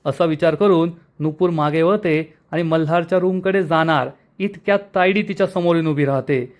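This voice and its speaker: A man's voice: on the high side, normal speed. Man retelling a serial episode. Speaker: episode recap narrator. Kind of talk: storytelling recap of a TV serial.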